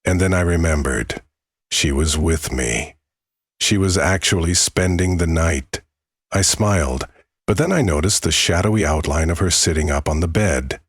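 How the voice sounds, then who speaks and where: A man narrating a scripted first-person horror story in a measured way, with dramatic pauses. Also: low-pitched, lively intonation, breathy edge, dry recording, clean studio sound.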